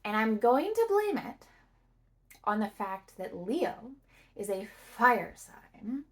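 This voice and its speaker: A woman gives a casual book review to camera, reflecting thoughtfully in pause-broken phrases. Her voice is on the high side, with a sing-song quality.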